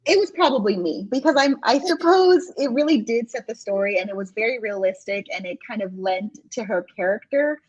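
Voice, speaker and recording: A woman's voice: fairly high pitch, expressive, fairly quick, few pauses, a little mellow, slightly rough. A woman hosting a book club livestream, chatting casually and laughing often. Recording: dull lo-fi audio.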